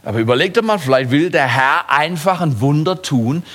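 A middle-aged man preaching a sermon to his congregation, swinging between lively raised passages and quiet, hushed ones. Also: on the high side, moderate pace. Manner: lively preaching with sudden rises and hushed drops. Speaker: pastor.

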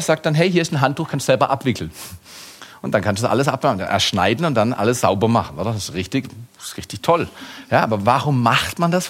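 Husky male preacher, lively and hushed by turns. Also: medium pitch. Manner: lively preaching with sudden rises and hushed drops. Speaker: pastor. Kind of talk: sermon.

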